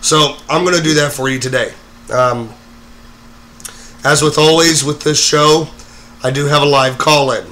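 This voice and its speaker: A hoarse man getting over a cold, hosting a live makeup tutorial in a rambling way with lots of fillers. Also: a little high, fairly even intonation, a little slow, long pauses, sharp tone. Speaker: host of a live makeup show. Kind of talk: casual live-stream tutorial.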